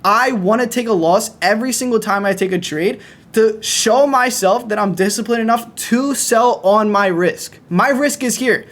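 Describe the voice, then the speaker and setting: A young man giving a blunt, profane motivational rant about trading straight to his viewers, pushing hard and talking fast. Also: high-pitched, a bit bright. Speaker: trading content creator.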